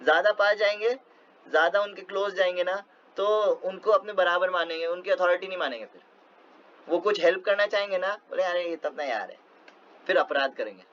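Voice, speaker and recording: A man's voice: high voice, fairly quick, fairly bright tone. A man giving a casual devotional talk, telling stories with many fillers and small laughs. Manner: storytelling with frequent fillers and laughs. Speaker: devotional speaker. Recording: dull lo-fi with faint noise.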